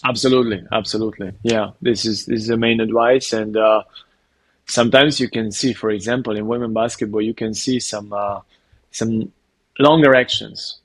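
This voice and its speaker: Flat, low-voiced Hungarian-accented man. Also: dry recording. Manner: halting, full of "you know" and repeated words. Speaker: basketball coach. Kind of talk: podcast interview answers.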